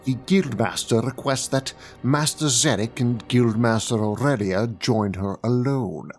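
A man voicing a tall, thin male official in an audiobook, cold and precise. His clipped delivery stays level and unhurried over faint music. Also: mid-range voice, lightly acted.

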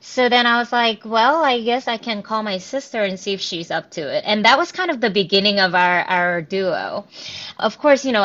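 A woman's voice: medium pitch, a bit bright. A woman in her thirties, a piano professor, chatting through an interview with many ums and restarts. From Korea, raised in New Jersey. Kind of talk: casual interview answers. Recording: dull lo-fi audio.

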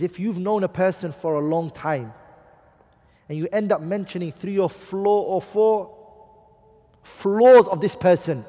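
A long reverb tail trails the high, mellow voice of a man teaching a class on marriage. The Islamic teacher speaks emphatically, tosses rhetorical questions at his students, and recites Arabic hadith and poetry.

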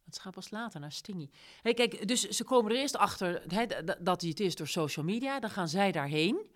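A woman leading a casual discussion of a story, retelling scenes with lively quoted lines. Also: medium pitch, brisk. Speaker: discussion leader.

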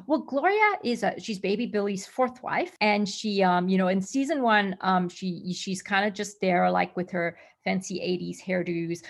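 A middle-aged actress from Zimbabwe and Australia, chatting in an interview with lots of fillers and restarts. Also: female voice, medium pitch, moderate pace, gravelly, hardly any pauses. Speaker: actress guest. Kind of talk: casual interview answers.

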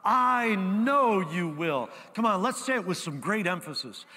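A man's voice: sits high, animated, unhurried, sharp tone, long reverb tail. A man preaching as pastor, emphatic and repetitive, leading his congregation in call-and-response. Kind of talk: sermon. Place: church sanctuary.

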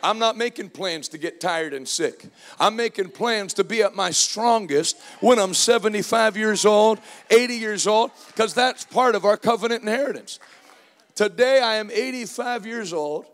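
A man in his forties preaching a sermon, energetic and joking, calling out to the congregation for responses. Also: sits high, unhurried. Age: 40s. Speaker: pastor.

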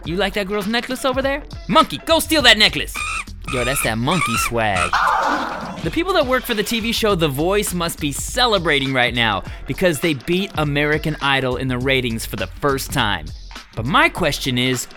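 A comedy show host cracks jokes about music news and banters with a guest, animated throughout. His voice is on the high side and he speaks at a normal speed.

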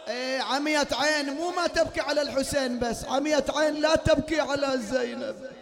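A man reciting a mourning sermon in a hall, moving between spoken narration, wailing chanted verses and shouted outbursts. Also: very high voice, a little fast, a little hiss or hum. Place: mourning hall before a gathering.

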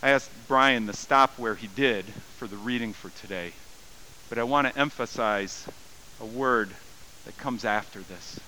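Male pastor, sermon delivery, bright forceful tone, swells from hush to fervent, slight hiss on the recording. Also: medium pitch, a little slow, poor audio. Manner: swings from quiet reflection to loud, soaring emphasis. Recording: faint hiss.

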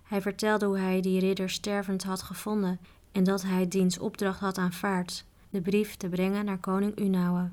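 A woman narrating a storybook in a calm, steady manner. Her voice sits at a middle pitch and stays even with little rise and fall. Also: normal speed. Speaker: audiobook narrator.

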